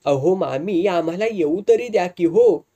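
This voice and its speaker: A man's voice: high voice, lively intonation, a little slow, dark tone, full character voice. A narrator voicing a teasing young village man. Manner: teasing, easygoing rural speech.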